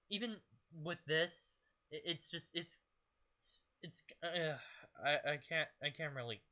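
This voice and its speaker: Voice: medium pitch, pushed and bright, dull audio. A young adult political vlogger who reads passages from a book aloud and comments on them in an opinionated, emphatic way, often stumbling over words.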